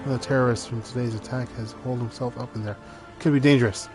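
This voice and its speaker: A man's voice: medium pitch, fairly even intonation, quick pace, lightly acted. A man voicing a hulking warden officer, formal, grim and nervously deferential, in a game read-aloud. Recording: music behind the voice.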